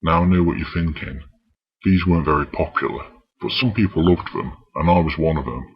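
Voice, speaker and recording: A man narrating a scripted retro video game review in a husky voice. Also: extremely low pitch, a little fast. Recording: dull, muffled lo-fi voice track.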